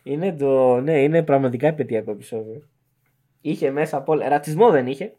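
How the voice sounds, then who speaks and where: A man co-hosting a casual podcast, talking animatedly. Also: medium pitch. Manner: animated, mocking outbursts. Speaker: podcast co-host. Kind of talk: casual chat.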